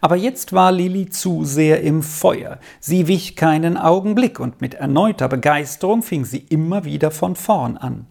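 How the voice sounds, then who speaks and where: A narrator reading a children's story aloud in a calm, measured storytelling manner. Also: medium pitch, vocal fry. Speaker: audiobook narrator.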